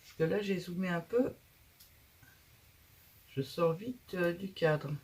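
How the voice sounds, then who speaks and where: A woman's voice: lowish voice, takes it slowly, darkish tone. A woman hosting a casual craft tutorial, chatting and thinking aloud as she works, with frequent hesitations.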